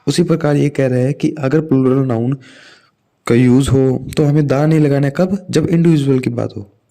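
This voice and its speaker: A man's voice: mid-range voice, fairly even intonation, normal speed, vocal fry, dark tone. A man with an Indian accent teaching English grammar in a lecture, explaining rules in Hindi and reading out English example sentences. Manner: mixes Hindi with read-out English examples, addresses viewers as "saathiyon".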